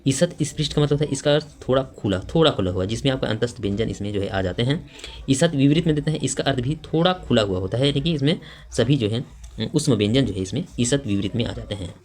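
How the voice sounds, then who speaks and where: A man's voice: mid-range voice, darkish tone. Man explaining exam questions step by step. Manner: explains step by step, reads out options, many fillers. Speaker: teacher. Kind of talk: exam-prep grammar lesson.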